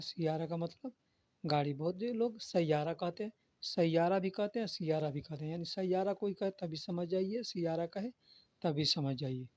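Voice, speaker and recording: A man's voice: a little high, darkish tone, no echo. A man giving a spoken vocabulary lesson, patiently repeating each word and its meaning. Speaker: Arabic vocabulary teacher. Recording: dull, lo-fi dry recording.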